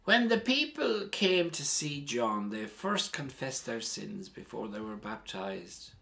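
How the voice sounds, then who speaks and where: A male priest preaching a sermon with a bright, forceful tone. His pitch sits in an ordinary middle range. He delivers it earnestly, lifting and dropping his voice for emphasis. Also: sing-song, takes it slowly, vocal fry. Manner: emphatic, with strong rises and drops in pitch and loudness.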